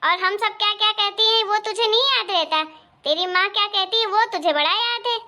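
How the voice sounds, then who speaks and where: A woman's voice: very high-pitched, brisk, sharp tone. A woman voicing a short-tempered mother-in-law in a cartoon story, scolding and threatening.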